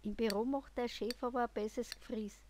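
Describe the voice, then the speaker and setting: A woman's voice: on the high side, fairly even intonation, normal speed, noisy background. A woman with a Viennese accent expressively reciting a humorous poem in dialect.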